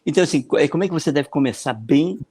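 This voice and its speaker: A man with a Brazilian Portuguese accent, a consultant answering questions in a podcast interview. He explains in an animated way, often repeating words and acting out the voices of the people he quotes. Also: on the high side, racing, slightly rough. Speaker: political consultant and speaking coach.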